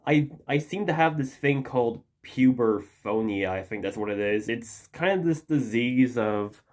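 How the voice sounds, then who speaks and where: This YouTube host, in his early twenties and young-sounding, speaks in an animated yet unhurried mid-range voice. His delivery is casual, with chatty, apologetic asides.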